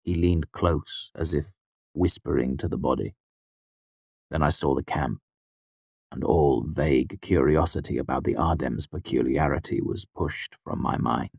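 A man narrating a fantasy novel in the first person, with a measured storytelling delivery. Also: a bass voice, gravelly, a little mellow, breathy edge, no echo, clean studio sound. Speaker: audiobook narrator.

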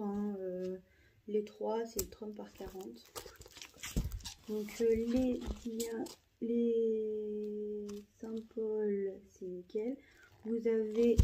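A woman giving casual unboxing commentary in a halting, soft-spoken way, with many fillers and repeated words. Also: fairly high pitch, slight background noise. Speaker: vlogger.

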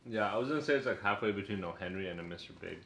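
A young man in casual chat with friends, joking and teasing deadpan. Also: fairly low pitch, racing, a little hiss or hum. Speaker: friend, taster.

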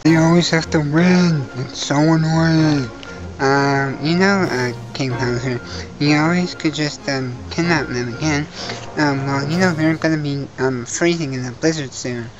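A woman's voice: low voice, measured pace, highs cut off, over music. A woman presenting and voicing toys in a homemade plush show, talking hesitantly with many fillers.

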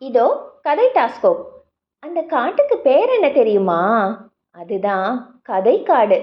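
High, lively woman reading a children's story. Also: takes it slowly, muffled recording. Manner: lively, expressive storytelling addressing young listeners. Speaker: audiobook reader.

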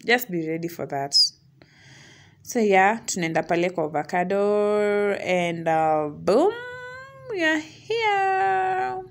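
A young woman with a Kenyan accent narrating a casual vlog, chatty and quick to laugh. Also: medium pitch, very animated, creaky. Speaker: vlogger. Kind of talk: casual vlog voice-over mixing English and Swahili slang.

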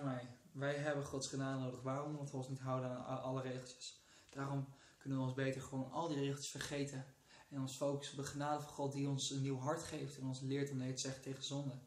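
A man's voice: mid-range voice, a little mellow, a little hiss or hum. Fervent Dutch man preaching in an echoey room. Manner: fervent, exclaims praise words often. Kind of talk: casual devotional vlog. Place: sitting on a couch indoors.

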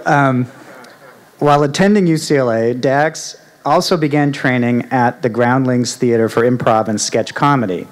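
Department chair making a halting introduction. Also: male voice, medium pitch. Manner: halting, with fillers and restarts, reading a list. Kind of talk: formal introduction speech. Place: outdoor university ceremony stage. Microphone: podium mic on stand.

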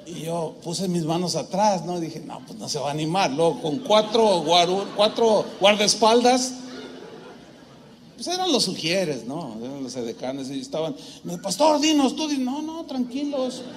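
A man with a Mexican accent, a pastor preaching a sermon in church, telling a personal story in an animated way with humorous asides. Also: a little high, normal speed.

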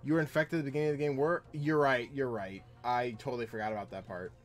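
A man's voice: mid-range voice, steady tone, quick pace. Chatty male streamer playing and reading chat, faint music behind. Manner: rambling, chatting with viewers while playing. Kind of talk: casual gameplay chat.

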